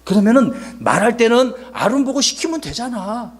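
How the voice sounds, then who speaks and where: A bossy, scolding God in a children's Bible story, pitched a little higher than the speaker's own voice, as a pastor puts him on. He gives sharp orders in a husky, lively voice. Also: normal speed, exaggerated voice. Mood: commanding. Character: God as exasperated commanding father, male.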